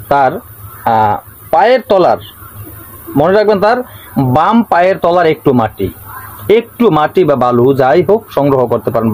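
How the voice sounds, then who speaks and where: Bengali man slowly teaching a ritual. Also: fairly high pitch, a little mellow, slight background noise, rough recording. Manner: repetitive, draws out words slowly when reciting. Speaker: channel host teaching folk rituals. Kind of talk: casual instructional talk to viewers.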